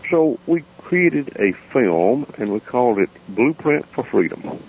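A man with an Appalachian accent telling stories off the cuff as a radio interview guest, folksy, plain-spoken and unhurried. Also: mid-range voice, big pitch swings, breathy edge. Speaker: interview guest, founder of a foundation. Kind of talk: unscripted storytelling in a radio interview. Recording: dull lo-fi radio interview sound.

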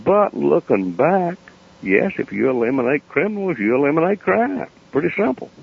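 A man with an Appalachian accent telling stories off the cuff as a radio interview guest, folksy, plain-spoken and unhurried. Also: a little high, big pitch swings, creaky, husky. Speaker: interview guest, founder of a foundation. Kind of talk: unscripted storytelling in a radio interview. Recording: dull lo-fi radio interview sound.

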